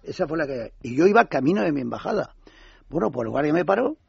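A man's voice: fairly high pitch, quick pace, gravelly, husky, dry recording. An older man from Spain, a former ambassador, telling a rambling anecdote on the radio with many repetitions. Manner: rambling, animated storyteller with repetitions. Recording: dull lo-fi radio sound.

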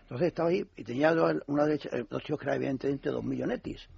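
A man's voice: mid-range voice, rapid-fire, creaky, husky, dry recording. An older man from Spain, a former ambassador, telling a rambling anecdote on the radio with many repetitions. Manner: rambling, animated storyteller with repetitions. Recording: dull lo-fi radio sound.

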